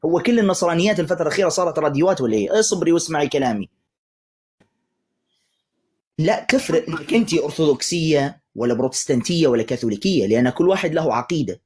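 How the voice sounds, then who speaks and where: A man hosting a live religious debate stream, lecturing forcefully and cutting in to taunt a caller. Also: fairly high pitch, expressive, rapid-fire, husky.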